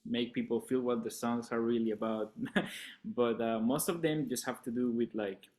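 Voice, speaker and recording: A man from Colombia, a guest musician in a casual interview chat, relaxed and laughing often, talking with many fillers. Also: medium pitch, normal speed.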